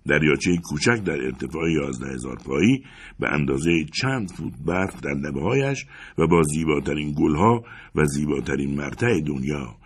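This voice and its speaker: Husky deep-voiced male audiobook narrator. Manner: expressive, dramatic reading. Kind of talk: scripted narration of a novel.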